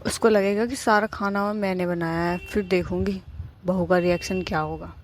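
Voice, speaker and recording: A woman's voice: lowish voice, fairly even intonation, moderate pace, slight background noise, natural voice. A woman voicing a scheming, bossy old mother-in-law in a cartoon, scolding and nagging. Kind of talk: cartoon voice acting.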